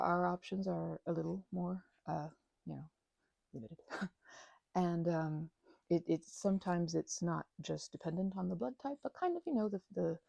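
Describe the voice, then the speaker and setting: A woman with a lowish, soft, breathy voice plays a timid, gentle, shy, and friendly vampire who is grateful, sometimes slipping into a whisper. It's a heavily acted audio roleplay, an intimate one-sided conversation with no room sound, full of nervous stammers, hesitant apologies, and nervous giggles.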